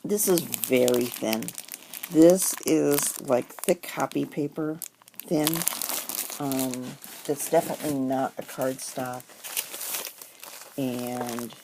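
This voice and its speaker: Low raspy middle-aged lady rambling through a craft haul, paper crinkling, noisy. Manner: chatty, rambling with many ums. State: has the hiccups. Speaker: crafting vlogger. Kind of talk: casual haul video. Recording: noisy home recording. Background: paper crinkling and rustling.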